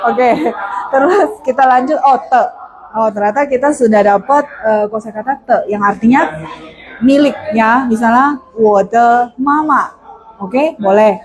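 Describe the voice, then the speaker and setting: A woman teaching Mandarin in an online class, patiently explaining and modeling polite phrases slowly. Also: a little high, faint music behind, rough recording. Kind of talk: online language lesson.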